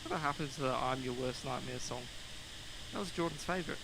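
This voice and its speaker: A man's voice: mid-range voice, fast. A man giving casual, chatty analysis during a video game match. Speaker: esports commentator. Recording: clear game noise behind.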